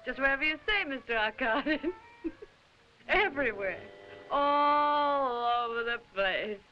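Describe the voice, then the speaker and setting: Casting: playful, talkative young film adventuress, high-pitched, dull vintage soundtrack. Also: female voice, animated, slow. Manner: chatty, teasing. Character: cheeky, teasing young woman, chatty adventuress. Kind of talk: old film dramatic acting. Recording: dull old film soundtrack with loud music.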